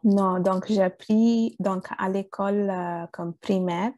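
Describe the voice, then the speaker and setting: The same hesitant interviewee, from Italy and raised speaking Bengali and Italian, takes things slowly in a mid-range, mellow voice with fairly even intonation. Fillers and restarts pepper her conversational answers, and the dry, echo-free recording sounds muffled.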